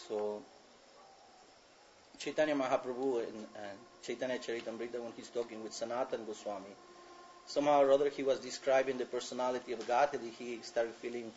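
A man's voice: medium pitch, a little mellow. A man from Ecuador presents a scripture reading to a class, hesitating often with fillers. The sound is muffled, with a faint hiss in the background. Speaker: student presenter. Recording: muffled recording with faint noise.

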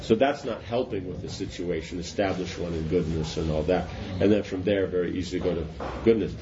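Speaking fairly quickly in a deep voice, this man is a spiritual teacher delivering loose philosophical discourse full of repetition and restarts, often checking "does that make sense?" It comes through a dull lo-fi recording carrying faint noise.

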